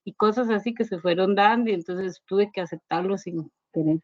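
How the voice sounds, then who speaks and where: A woman's voice: mid-range voice, normal speed, no echo, highs cut off. A woman sharing a personal church testimony in a class, telling it in a rambling way with constant tag questions.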